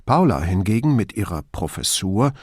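A man reading an audiobook in a measured, expressive narration. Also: fairly low pitch, breathy edge, no echo, clean studio sound. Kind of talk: scripted narration.

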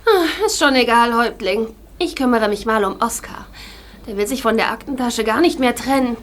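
A woman's voice: fairly high pitch, moderate pace, lightly acted. An actress playing a spirited teenage girl detective who is fond of her dog. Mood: amused. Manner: indignant, lively. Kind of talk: radio play acting.

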